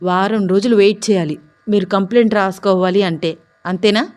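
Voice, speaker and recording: A woman's voice: medium pitch, fairly even intonation, brisk, darkish tone, natural voice. A woman voicing a bold young male police officer who speaks firmly and seriously. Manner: firm, serious, fearless.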